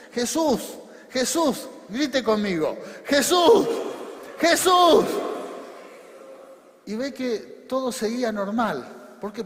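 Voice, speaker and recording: A man pastor with a Rioplatense Spanish accent preaching a sermon, swinging between shouted calls and quiet drops. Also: sits high. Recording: long hall reverb.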